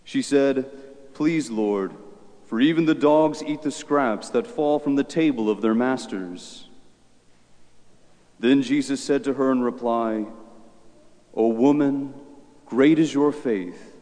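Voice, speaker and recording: Priest with a long cathedral echo. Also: male voice, mid-range voice, mellow. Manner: measured liturgical reading, then earnest storytelling. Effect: cathedral echo, long church reverb. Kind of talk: gospel reading and homily. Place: large church. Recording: echoey church with long reverb.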